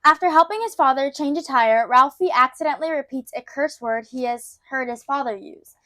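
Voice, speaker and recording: Young woman, high voice, chatty podcast talk, filler words. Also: fairly quick, a bit bright. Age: young adult. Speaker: podcast co-host, daughter. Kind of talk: casual chat and reading plot summaries.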